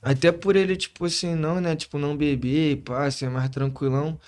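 A man's voice: fairly high pitch, steady tone, fairly quick, darkish tone. A man with a Rio de Janeiro accent chatting casually as an interview guest in street slang peppered with tag phrases. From Rio de Janeiro, Brazil. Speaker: interview guest, hip hop musician.

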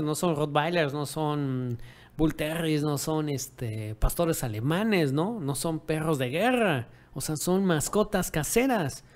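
A man giving dog-owning advice in a casual monologue, often ending remarks with rhetorical tag questions and acting out what people said. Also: a little high. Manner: rhetorical tag questions, acts out quoted dialogue.

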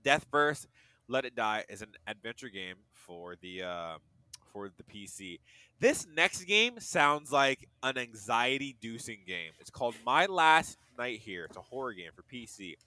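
Bright, laughing podcast host man. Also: medium pitch, sing-song, normal speed, no room sound. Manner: laughing, stumbling over words while reading game listings. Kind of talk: casual podcast chat.

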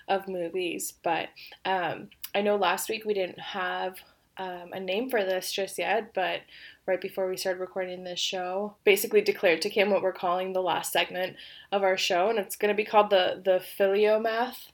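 A woman in her twenties whose first language is Polish co-hosts a podcast, telling stories warmly in a casual chat and laughing often. Her mid-range voice has little pitch movement and a normal speed.

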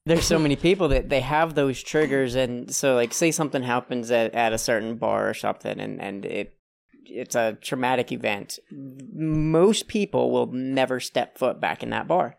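A man's voice: medium pitch, normal speed, creaky. A man hosting a podcast, chatting casually and thinking aloud, with some "like" and restarts. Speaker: podcast host. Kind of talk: casual chat.

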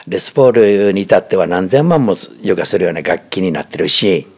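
Lively older man with a Kansai accent. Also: low voice, fast talker, slightly rough. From Osaka, Japan. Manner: animated storytelling with frequent chuckles. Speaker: guest, former guitar shop owner. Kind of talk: casual podcast chat. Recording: slightly dull podcast audio.

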